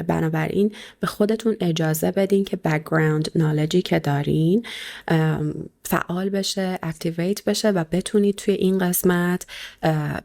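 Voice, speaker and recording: A woman teacher giving a recorded video lesson, explaining in Persian and saying English words slowly and clearly. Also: on the low side, a little mellow.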